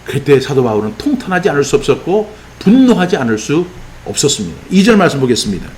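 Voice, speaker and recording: A man preaching an expository sermon as a pastor, animated and sometimes shouting out rebukes. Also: on the high side, fast, a little hiss or hum. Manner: animated, voices apostle's rebukes in raised exclamations.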